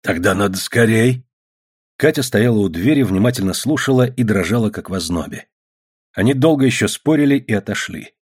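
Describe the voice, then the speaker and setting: Brief: male narrator, husky voice, steady audiobook reading. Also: mid-range voice, brisk. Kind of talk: reading a novel aloud.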